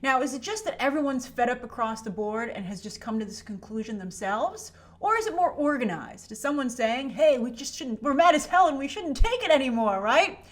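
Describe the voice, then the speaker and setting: A woman hosts an online film commentary show on YouTube, offering opinionated takes to camera in an emphatic, chatty style. Her high, sing-song voice runs a little fast with hardly any pauses, and she often checks in with rhetorical questions.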